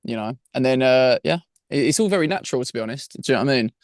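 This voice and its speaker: A man with a broad Essex Estuary accent talks quickly and casually as an interview guest. His speech is chatty and full of slang and conversational tags. The sound is close and dry, with an average male pitch. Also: lively intonation, dry recording. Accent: broad Essex, Estuary English. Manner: chatty, slangy, peppers talk with "man" and "you know what I mean". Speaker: rock band singer-guitarist and songwriter, interview guest. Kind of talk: casual chat.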